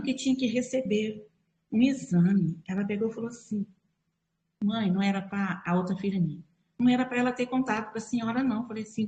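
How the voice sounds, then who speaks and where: A middle-aged woman from Brazil recounts a personal faith testimony in a casual storytelling way, voicing the dialogue she remembers. She speaks at a mid pitch, and her voice carries the echo of a reverberant room. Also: darkish tone. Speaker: church member giving testimony. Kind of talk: spoken religious testimony.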